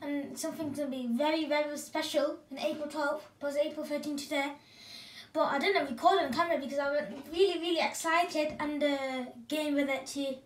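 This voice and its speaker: This gaming channel host is a woman with a high, fairly quick voice who sounds excited while unboxing a new console. She talks it through in a casual, rambling way and often corrects herself mid-sentence.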